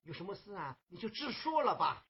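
A performer playing a soft-hearted old temple keeper, a man, in Huangmei opera, sighing and exclaiming with a breaking voice, on a dull lo-fi recording. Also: medium pitch, big pitch swings, brisk, lightly acted. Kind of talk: Huangmei opera stage acting.

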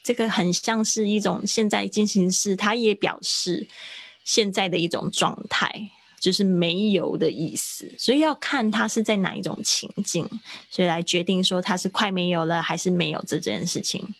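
A woman in her thirties teaching English in a chatty livestreamed lesson, explaining step by step and slowing down to sound out words. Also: mid-range voice, vocal fry, no echo.

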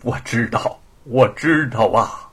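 Guy doing a soft-spoken scholar dad, real breathy, gentle and tender. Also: mid-range voice, slow pace, exaggerated voice. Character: gentle middle-aged male scholar father.

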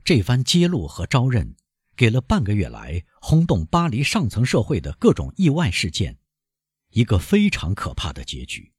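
A male audiobook narrator with a deep, husky voice. His dramatic, expressive reading swings widely in pitch. The sound is dry and close. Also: normal speed, no room sound.

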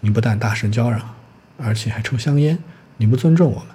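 A man's voice: medium pitch, brisk, mellow, slightly rough. A man voicing a defiant poor young student.

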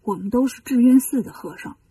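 A woman's voice: on the high side, brisk, dark tone, slightly rough, recorded from a distance. A woman doing frightened pleading monks. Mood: worried pleading. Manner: pleading, worried.

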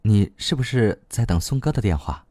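A man voicing a sly young woman in an audiobook, teasing and needling in a soft voice. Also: on the low side, expressive, normal speed, no echo. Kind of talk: audiobook reading.

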